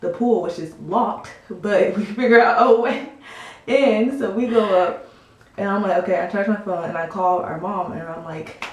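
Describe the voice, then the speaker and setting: A woman's voice: mid-range voice, normal speed. A young woman casually telling a rambling story to the camera, full of fillers. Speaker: storytime vlogger. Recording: echoey room.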